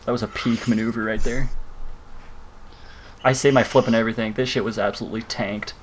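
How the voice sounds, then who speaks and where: A man's voice: mid-range voice, steady tone, brisk. A young man in casual gaming chat, talking like a slangy, exclaiming frat bro. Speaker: gamer in a team voice chat. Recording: very noisy game voice chat with clicking.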